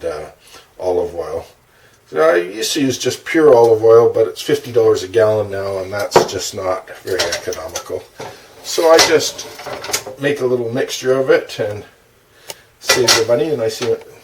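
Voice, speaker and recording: A man hosting a low-budget cooking show, talking through each step of a recipe in a relaxed, chatty way while he cooks in his kitchen. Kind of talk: casual cooking demonstration. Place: home kitchen. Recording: distant mic with kitchen noise.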